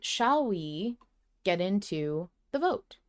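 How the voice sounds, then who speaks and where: Slow and sing-song, a woman's medium-pitched voice carries this podcast co-host's casual fan talk about an audio drama. She speaks with emphatic enthusiasm and some swearing.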